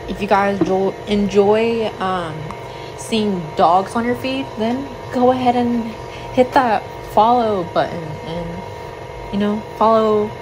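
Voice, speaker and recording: Chatty young woman vlogging in a noisy kitchen. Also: medium pitch. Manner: rambling, lots of "like" and "um". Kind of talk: casual chat while cooking. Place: home kitchen. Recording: noisy home recording.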